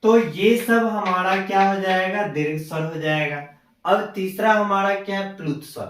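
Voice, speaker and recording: High-voiced teacher in an echoey room. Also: male voice, normal speed, fairly bright tone, slight background noise. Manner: explains step by step, asks and answers his own questions. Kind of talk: grammar lesson. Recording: echoey room, far from the mic.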